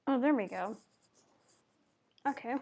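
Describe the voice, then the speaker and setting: A woman's voice: on the high side, slow, a little mellow. A woman live-streaming a game, chatting casually with her viewers in a playful, silly, bubbly way.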